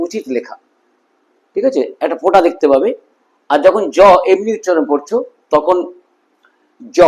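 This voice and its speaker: A man with a Bengali accent teaching English pronunciation, repeating each word slowly and often checking that his listeners follow. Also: high voice, a little mellow, poor audio. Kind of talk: phonetics lesson explaining sounds and symbols.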